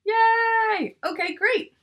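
The recording sounds dull, capturing a very high-pitched, fairly bright voice speaking extremely slowly. It belongs to a middle-aged woman reading a picture book aloud to young children in a small furnished room at home, drawing out key words and chatting to the listener.

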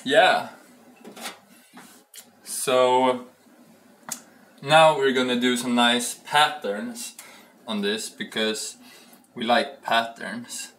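A man's voice: medium pitch, level tone, drawn-out words, long pauses, fairly bright tone. A young man chatting casually while baking bread in his home kitchen, rambling and playful, thinking aloud and humming as he works. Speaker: home cooking vlogger. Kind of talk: casual cooking chat. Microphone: camera across the room. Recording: echoey room, voice from far off.

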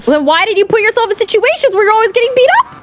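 A woman's voice: very high voice, animated, slight background noise. A woman voicing an eager, naive, mischievous friend in improvised game role-play, gushing and hesitating as she chats. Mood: earnest, teasing. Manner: chatty, gushing, halting, hesitant asides.

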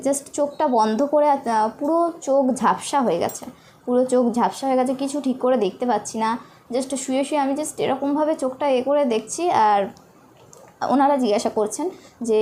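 Young woman, halting birth-story vlog. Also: high voice, a little mellow, slight background noise. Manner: halting, with many pauses and fillers. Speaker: new mother sharing her birth story.

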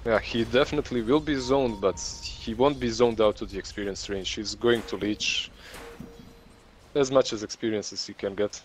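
Lowish guy doing chill esports analysis, laughs a lot, bit of hiss. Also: normal speed, poor audio. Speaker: esports caster. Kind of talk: color commentary.

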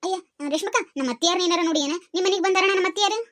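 A woman with a North Karnataka Kannada accent playing a fretful young village daughter-in-law who chatters fast and anxiously in a village comedy skit. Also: very high voice, a bit bright. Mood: worried.

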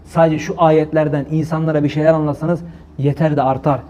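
A man's voice: on the high side, level tone, a little fast, warm tone, muffled recording. A man with a Turkish accent giving an impassioned religious talk to an audience, exhorting his listeners and reciting Arabic verses. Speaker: preacher.

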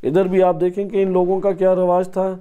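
A man's voice: sits high, monotone, clean tone, narrow, tinny audio. A man teaching a Quran commentary lesson, reading Arabic passages and explaining them in Urdu, asking and answering his own questions. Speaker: religious teacher.

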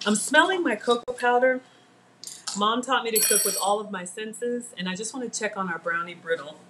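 Cooking live from her home kitchen, a chatty middle-aged woman talks to her viewers and calls out commenters by name. She speaks at a moderate pace in a mid-range voice. The fixed camera sits at counter distance, and there's background noise.

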